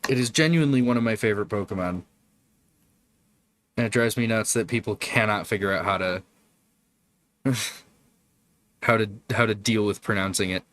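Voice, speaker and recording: Low-voiced man chatting on a livestream. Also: normal speed, pauses often, a bit bright, no echo. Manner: rambling, profane, chatting with viewers. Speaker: livestream host. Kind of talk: casual live-stream chat.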